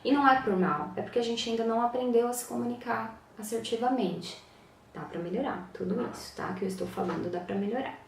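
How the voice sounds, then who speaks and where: A woman coaching on communication, explaining calmly and often checking in with her listeners with short tag questions. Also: fairly high pitch, brisk, creaky, reverberant, distant mic, slight background noise. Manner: reflective, frequent tag questions. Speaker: NLP coach. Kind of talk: casual teaching talk to camera.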